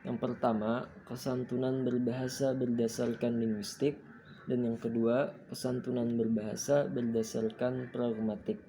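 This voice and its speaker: A young man presenting coursework as an explanatory lesson, working through points one by one in a steady, methodical way. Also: mid-range voice, measured pace, slight background noise, rough recording.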